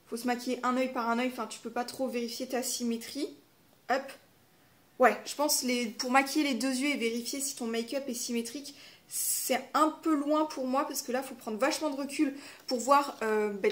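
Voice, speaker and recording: Femme bavarde à la voix aiguë. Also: female voice, sits high. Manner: chatty, lots of fillers, self-correcting. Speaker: vlogger opening advent calendars. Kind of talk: casual unboxing chat.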